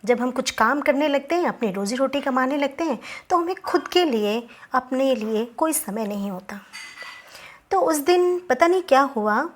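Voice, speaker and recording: High-voiced woman telling a moral story. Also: normal speed. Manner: conversational, relaxed storytelling with small asides and restarts.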